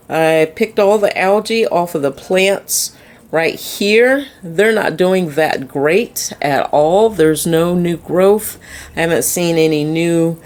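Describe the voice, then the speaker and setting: A woman, chatting casually and fondly as she films her fish tanks at home. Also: fairly low pitch. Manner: chatty, fond and relaxed narration. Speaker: aquarium vlogger. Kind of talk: casual chat. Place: indoors at home by a fish tank.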